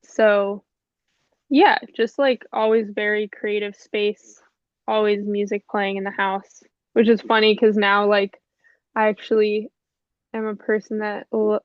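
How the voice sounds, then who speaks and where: A young woman, a musician guest, chats in a casual interview in a relaxed, rambling way, with many fillers and soft laughs, sounding mildly stuffy. Her mid-range voice is unhurried, and the call audio is dull, lo-fi and dry.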